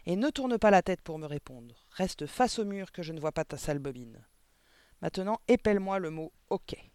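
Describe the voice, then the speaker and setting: A man's voice: high-pitched, expressive, normal speed, clean tone, no room sound, pitched above the performer's own voice. Man putting on a barking tyrannical headmistress. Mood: sneering. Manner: barking, contemptuous shouting. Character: huge furious tyrannical headmistress barking at children.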